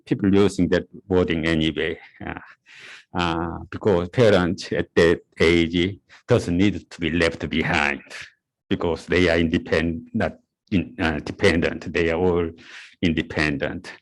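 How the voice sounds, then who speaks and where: This is a middle-aged South Korean man, a native Korean speaker with a Korean accent, giving a conference lecture. He speaks haltingly, often repeating words and restarting. His voice is low and his tone steady.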